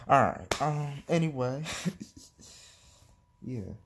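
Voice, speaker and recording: A man's voice: mid-range voice, lively intonation, slow, slight background noise. A man talking to the camera in a casual, rambling vlog, hesitant and giggly, with many restarts, recorded on a phone. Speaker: vlogger.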